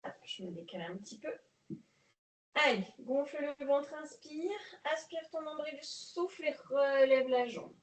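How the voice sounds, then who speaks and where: A woman leading a guided prenatal exercise class, calmly counting breaths and giving coaching cues. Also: high-pitched, a little slow, far from the mic. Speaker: prenatal fitness instructor. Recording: echoey room, voice off-mic.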